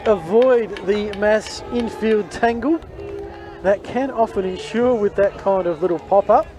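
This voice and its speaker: A man's voice: sits high, unhurried, a little mellow. A man doing live, chatty play-by-play commentary at a ballpark. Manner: chatty, jokey. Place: outdoor ballpark with crowd. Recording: crowd noise behind.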